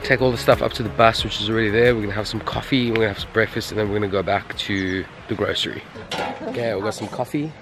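A man's voice: lowish voice, fairly even intonation, fast talker, over music. A man in his thirties with a South African accent, chatting casually to a handheld camera outdoors. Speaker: vlogger. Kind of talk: casual vlog chat. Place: outdoors by river and roadside. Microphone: handheld camera at arm's length. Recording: noisy outdoor wind and vehicle sound.

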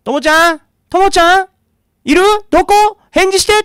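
Man doing a frantic mother, shrill, loud, very high-pitched, dry sound. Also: normal speed, no room sound. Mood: desperate calling. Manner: shrill, desperate calling. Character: frantic mother searching for her child.

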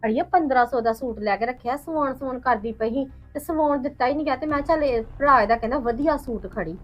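Talking fast in a high-sitting voice, this actress portrays an indignant village woman whose rambling complaints about her in-laws are full of quoted asides. The short-film family drama has dull lo-fi audio and faint music underneath.

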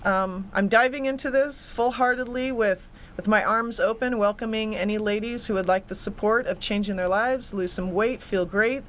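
A woman's voice: mid-range voice, moderate pace, hardly any pauses. Earnest young woman, fitness coach guest, desk mic in studio, faint noise. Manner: earnest, eager, repeats words when excited. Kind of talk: studio interview, casual. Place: small studio set with a city backdrop. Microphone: desk microphone on a stand.

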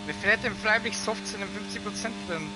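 Higher-voiced young man in gaming chat. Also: brisk. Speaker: gamer. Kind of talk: casual gaming chat, slangy. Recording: voice chat over loud car-game noise.

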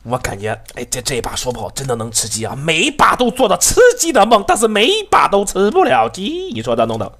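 A man giving excitable, profanity-laced live commentary on his own game, laughing and talking to his teammates. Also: a little high, fast, hardly any pauses. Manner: excitable, swears often, laughs, talks to teammates. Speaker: game streamer.

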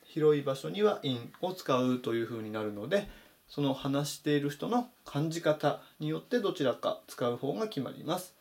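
Japanese guy doing an english word lesson voice-over, kinda high voice, says each word slow twice. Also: creaky. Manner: slow, careful spelled-out pronunciation of English words. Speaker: English teacher. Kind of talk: scripted vocabulary lesson.

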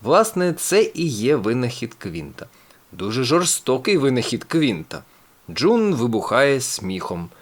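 A man's voice: mid-range voice, sing-song, measured pace. A man reading a children's audiobook aloud, telling the story with expression. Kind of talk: audiobook narration.

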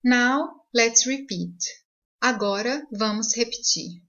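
A woman teaching a language lesson, switching between two languages, saying each example clearly and repeating it twice. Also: a little high, slow, fairly bright tone, highs cut off. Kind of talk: slow bilingual language lesson.

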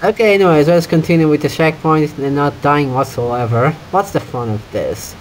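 A man's voice: on the high side, normal speed, low-quality recording. A man chatting casually over a video game playthrough, teasing his friend and humming little tunes. His voice sits a touch above the usual male range, with a faint hiss in the recording. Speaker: gameplay commentator.

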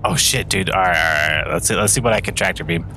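A man's voice: deep voice, fast, pushed and bright, a little hiss or hum. A man joking and teasing his friends while they play a game together. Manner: teasing, joking, mock threats. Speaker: gamer. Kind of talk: casual gaming banter over voice chat.

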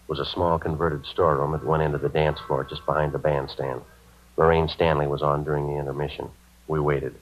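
An actor playing a terse male police sergeant who narrates his case in a clipped, deadpan way, heard as an old AM radio drama broadcast. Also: extremely low pitch, fairly quick. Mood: flat. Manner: clipped, deadpan report of times and facts. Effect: old AM radio broadcast sound. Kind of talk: 1950s radio drama acting. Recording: muffled lo-fi 1950s AM radio broadcast.

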